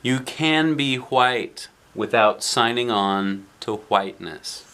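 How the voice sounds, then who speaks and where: Like a dad at storytime, a man reads a picture book aloud expressively, making casual asides to children and giving key lines weighty emphasis. His mid-range voice is smooth and a bit bright, and he takes it slowly.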